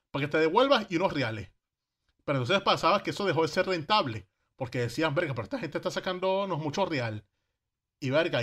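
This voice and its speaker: A fairly high, somewhat bright male voice with a Venezuelan Caribbean Spanish accent carries this casual history telling. He uses everyday slang, asks rhetorical questions, and dramatizes quotations.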